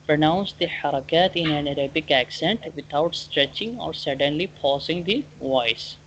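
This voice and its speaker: A Quran teacher giving a one-on-one online lesson, explaining and drilling pronunciation haltingly, repeating points and often checking understanding. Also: medium pitch, a bit bright. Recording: dull lo-fi online call, clear background noise.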